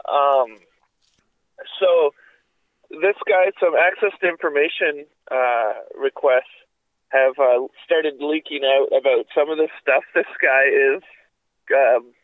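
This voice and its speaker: A man with a fairly high voice speaks slowly as a podcast co-host in casual chat. Congested, coughing and sore-throated, he rambles profanely with plenty of fillers. There's no room sound, and the audio has phone quality.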